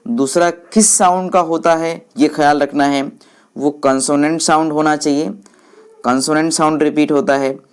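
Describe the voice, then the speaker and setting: A woman teaching English, explaining each point slowly and repeating English phrases in Hindi while speaking to viewers as friends. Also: deep voice, steady tone, darkish tone, clean tone.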